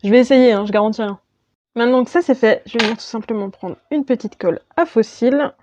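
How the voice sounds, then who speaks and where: A woman's voice: a little high, quick pace, dull audio, noisy background. Chatty woman narrating her makeup. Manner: chatty, talks through each step. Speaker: beauty vlogger. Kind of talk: makeup tutorial voice-over.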